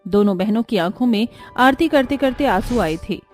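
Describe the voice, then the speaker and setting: A woman narrating a cartoon story in a gentle, moralizing storytelling voice. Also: a little high, expressive, moderate pace, faint music behind.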